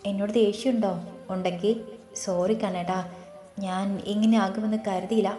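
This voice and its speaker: A woman's voice: medium pitch, little pitch movement, moderate pace, mellow, soft background music, close to an everyday voice. A woman voicing a shy, timid young wife in an audio romance story, speaking meekly and apologetically. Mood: apologetic. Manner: meek, apologetic. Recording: roomy echo.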